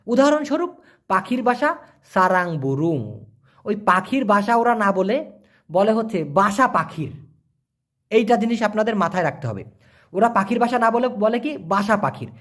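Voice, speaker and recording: A man, answering viewer questions in a casual spoken lesson and repeating words slowly for learners. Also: sits high, very animated, fairly bright tone.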